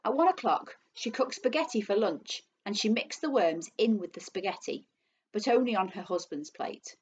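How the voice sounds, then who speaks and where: A teacher reading a children's book aloud to her class, with expressive storytelling. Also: mid-range voice, moderate pace, muffled recording, slight background noise.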